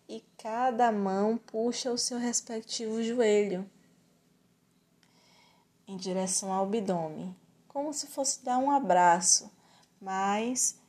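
A woman with a Brazilian accent teaching yoga and relaxation in a calm, soothing, measured way with gentle pauses. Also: mid-range voice. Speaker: yoga instructor. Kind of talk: guided yoga and relaxation instruction.

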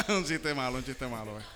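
A young man laughing and joking in casual banter as a musician. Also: on the high side.

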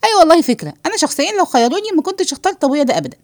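A woman's voice: high-pitched, very animated, very fast, fairly bright tone, dry recording, clean studio sound, voice pushed up. A woman voicing a cheeky, joking man with an Egyptian accent in a read-aloud play, teasing the others. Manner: teasing, wisecracking. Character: cheeky, joking man, carefree while eating.

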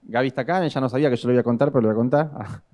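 A young man with a Rioplatense Spanish accent preaching a sermon, telling stories dramatically and swinging between loud and hushed delivery. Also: medium pitch, very fast. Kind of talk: sermon with storytelling.

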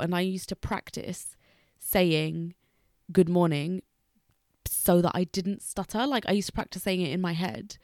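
A young woman chatting casually in a halting, hesitant way, with long pauses, restarts and fillers. Her voice sits in a middle range. The recording is close and dry, with no room sound. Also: medium pitch, dry recording. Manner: halting, with long pauses between sentences and blocked words. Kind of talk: casual conversation.

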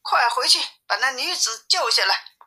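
A woman's voice: high voice, lively intonation, normal speed, bright, forceful tone, pitched above the performer's own voice, full character voice. A woman reading aloud voices a kind-hearted, naive male monk who speaks with earnest urgency. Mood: urgent. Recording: tinny phone-like sound.

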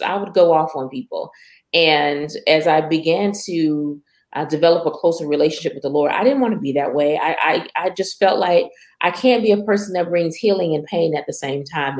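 Earnest storytelling woman in a roomy space. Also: low-pitched. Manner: earnest testimony with animated retelling. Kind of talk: conversational faith talk with storytelling.

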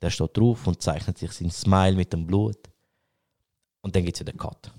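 A young Swiss man with a low, gravelly voice and a Swiss German accent. His tone is dark and mellow, and he talks in an excited, casual way, full of swearing and repeated words. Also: moderate pace. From Switzerland. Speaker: podcast host. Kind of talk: casual film talk.

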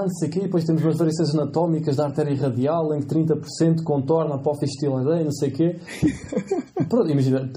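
Speaking with a fairly high pitch, this twentysomething med student from a European Portuguese background tells spirited, slangy stories while being interviewed casually.

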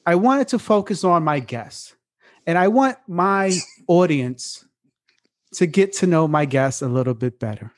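A man's voice: on the high side, lively intonation, unhurried, dry recording, studio quality. A man hosting a podcast in casual chat, playful and joking, with an occasional put-on radio voice and some swearing. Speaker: podcast host.

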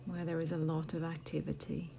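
A woman leading a guided meditation, speaking softly in a half-whisper with long pauses. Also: low-pitched, little pitch movement, vocal fry. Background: soft music.

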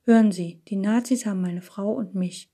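A woman's voice: medium pitch, moderate pace, dark tone, breathy edge. A woman voicing a proud, indignant male chess master confronted at gunpoint.

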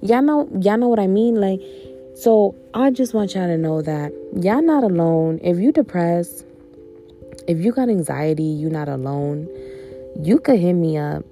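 A woman speaks her mind in a loose, unscripted vlog, talking. Her voice is mellow and relaxed, and her delivery is blunt and peppered with profanity. She records outdoors on her porch, with faint music audible behind her. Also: fairly low pitch, unhurried. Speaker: vlogger. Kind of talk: casual personal vlog. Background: faint music and street noise.

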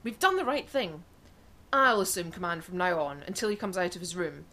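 A woman's voice: lowish voice, lively intonation, brisk, pushed and bright, exaggerated voice. A woman playing a brusque, scheming female flight engineer on a space station in an audio comedy. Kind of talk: comic radio-play acting.

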